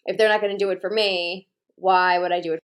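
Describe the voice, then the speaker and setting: A woman's voice: fairly low pitch, little pitch movement, quick pace. A woman hosting a livestream, chatting casually and rambling with lots of "like". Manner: rambling, heavy use of "like". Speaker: livestream host.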